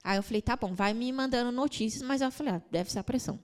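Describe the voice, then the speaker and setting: A woman's voice: fairly high pitch, fast, darkish tone. A young adult woman, a podcast guest, retelling a painful personal story with lots of quoted dialogue.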